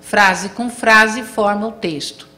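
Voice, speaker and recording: A woman's voice: mid-range voice, slow pace, sharp tone. A woman lecturing to a live audience, explaining step by step and often checking in with her listeners. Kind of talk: classroom lecture.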